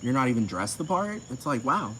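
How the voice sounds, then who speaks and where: A man's voice: mid-range voice, sing-song, fairly quick, a bit bright, a little hiss or hum, low-quality recording. A man ranting to camera in a casual, profane, heated way, repeating himself.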